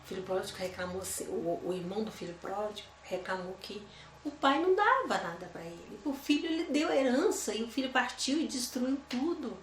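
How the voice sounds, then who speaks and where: A woman's voice: on the high side, very animated, fairly quick, reverberant, slight background noise. Woman teaching a Bible study. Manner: conversational, poses rhetorical questions to listeners.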